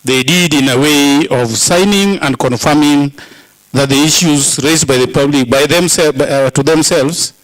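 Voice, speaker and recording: A man with a Kenyan accent making a formal parliamentary speech as an assembly member, halting and deliberate. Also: fairly high pitch, poor audio. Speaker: county assembly member moving a motion. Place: assembly chamber.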